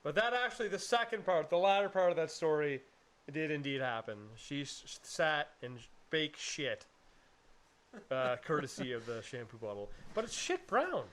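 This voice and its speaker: A man's voice: on the high side, very animated, moderate pace, a bit bright. A man co-hosting a casual podcast, telling a rambling story full of swearing and acted-out quotes. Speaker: podcast co-host. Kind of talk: casual chat.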